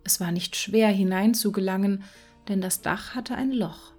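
A woman reading a fairy tale in a soft, hushed whisper. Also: mid-range voice, husky. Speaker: storyteller. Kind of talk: whispered storytelling.

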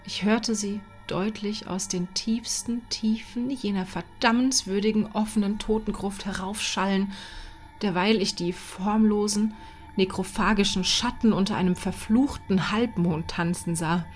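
A woman narrates a horror tale slowly and deliberately, her voice sitting in a middle register. She often drops into a breathy whisper, and faint music plays underneath. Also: medium pitch, steady tone. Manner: slow, hushed, sinking to whispers. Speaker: reader. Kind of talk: dramatic horror story reading.

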